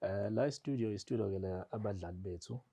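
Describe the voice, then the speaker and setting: A radio drama technician with a South African accent explains things informally in an indoor radio studio, often switching from Zulu into English. His voice is on the low side, gravelly and warm, and he talks at a quick pace.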